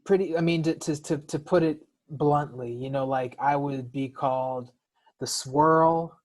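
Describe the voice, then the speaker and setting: A podcast co-host with a fairly high male voice speaks a little slowly and reflectively in casual conversation, often restarting sentences and repeating words.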